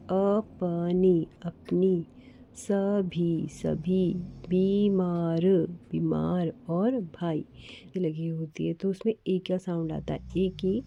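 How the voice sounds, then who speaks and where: A woman teacher walks children through a worksheet at an unhurried pace, sounding out each word and repeating it. Her voice is dark and mellow. The recording sounds a little dull and lo-fi. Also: lowish voice, a little hiss or hum. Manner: slow, patient, spells out sounds and repeats words. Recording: slightly dull, lo-fi audio.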